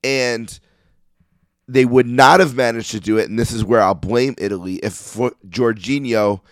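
A man hosting a sports podcast in a casual, opinionated monologue, his voice slightly hoarse as if he is losing it. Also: medium pitch, steady tone, normal speed, no room sound. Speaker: podcast host.

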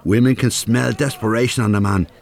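In a radio drama, an actor plays a rough-edged, easily irritated older widowed working man, plain-spoken and with a Dublin accent, coming across as earnest and grumbling. His voice is lowish and darkish with vocal fry, fairly even in intonation and a little fast.

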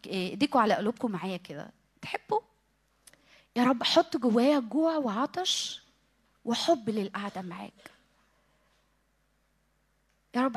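A middle-aged woman with an Egyptian accent preaching to a youth meeting, animated, acting out her listeners' excuses and dropping to a hushed whisper when she prays. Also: sits high. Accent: Egyptian Arabic. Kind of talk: sermon.

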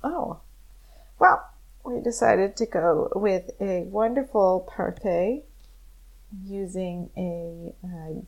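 A woman's voice: mid-range voice, darkish tone. A woman co-hosting a podcast in casual, conversational talk. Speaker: podcast co-host. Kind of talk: casual chat.

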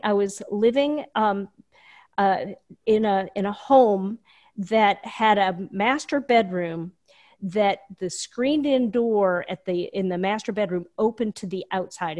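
A woman telling a personal story in casual chat, animated and full of fillers. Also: medium pitch. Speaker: guest storyteller.

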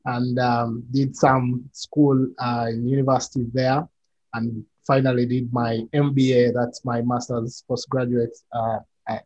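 A man's voice: medium pitch, a little mellow. Man on a muffled video call. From Uganda. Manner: measured, many pauses and fillers. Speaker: podcast guest. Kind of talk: conversational interview answers.

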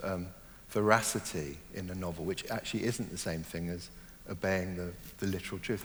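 A man's voice: low-pitched, long reverb tail, a little hiss or hum. A middle-aged man, a novelist born in Germany and raised in Hong Kong, talks through his ideas in an interview, thoughtful and hesitant, with many fillers and restarts. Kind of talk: reflective interview conversation.

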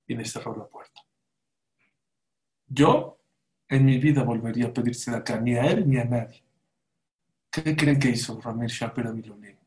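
Man giving a lively sermon. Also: mid-range voice. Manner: animated storyteller, acts out quoted voices. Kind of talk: sermon with storytelling.

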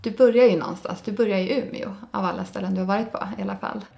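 A woman hosting a casual interview, asking brief, friendly questions. Her voice is mid-pitched, with a noticeable gravelly fry running through it. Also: steady tone, dark tone.

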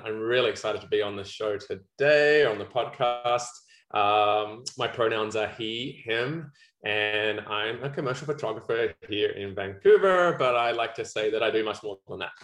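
A friendly Australian man chatting as a podcast guest, his voice sitting fairly low. He talks casually and fills pauses with "uh". The sound bounces around a roomy, echoey space. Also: fairly bright tone. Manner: friendly, chatty, frequent "uh" fillers. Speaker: guest, commercial photographer.

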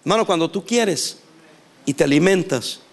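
A male pastor preaching a sermon in a lively, animated way, laughing and acting out quotes. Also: a little high, moderate pace.

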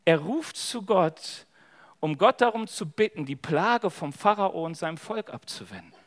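A man's voice: high-pitched, animated, measured pace. A man preaching a sermon to an audience in a large hall, telling the story casually and speaking to the listeners directly. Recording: echoey hall.

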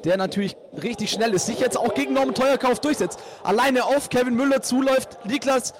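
A male football commentator calls a match live in a very high voice. His delivery is excited and shouted. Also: fairly quick.

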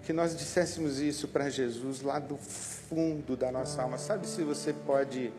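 A man's voice: medium pitch, fairly even intonation, unhurried. A male pastor preaching a passionate sermon and leading the congregation in prayer. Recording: echoey hall with loud guitar music behind. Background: guitar music.

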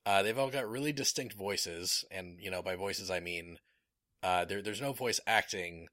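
Bright-voiced enthusiastic man chatting. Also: low voice, moderate pace, dry recording, studio quality. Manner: enthusiastic, rambling with fillers. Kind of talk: casual chat.

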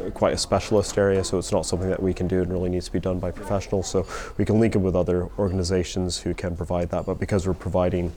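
A man's voice: deep voice, flat delivery, racing, few pauses, dark tone. A man explains things informally as an interviewee, in a hesitant, thoughtful manner. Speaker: community support project worker.

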